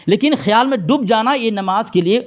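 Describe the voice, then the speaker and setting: A man's voice: sits high, expressive. A man in a theological debate over a phone call, insistently pressing his opponent for answers while staying formally respectful. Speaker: religious debater.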